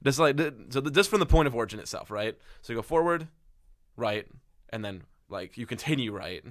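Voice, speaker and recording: A man's voice: mid-range voice, expressive, brisk, fairly bright tone, no echo, studio quality. A man running a tabletop game as game master, rambling and correcting himself as he explains.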